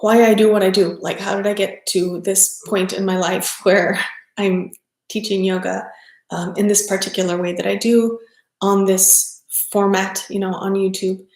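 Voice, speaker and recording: A woman's voice: mid-range voice, little pitch movement, moderate pace, a little mellow. A middle-aged woman from South Texas, a yoga teacher, talking casually on a livestream in a chatty, rambling way with many ums and self-corrections. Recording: echoey room.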